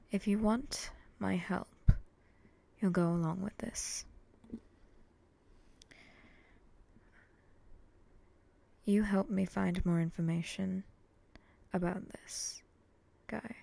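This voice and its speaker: Woman doing a brooding samurai, ASMR role-play, breathy n dark, real slow, short flat lines. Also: mid-range voice, full character voice. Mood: bargaining, calm. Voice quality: breathy, often dropping in a soft voice. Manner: slow, terse, deadpan. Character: brooding, vengeful samurai, guarded and curt.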